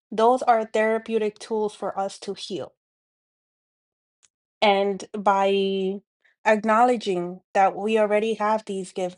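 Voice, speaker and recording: A woman with a Dominican Spanish accent, from the Dominican Republic, hosts a spiritual healing talk as a reflective monologue to camera. Her voice is mid-range and a little mellow. She speaks earnestly, with many fillers and restarts.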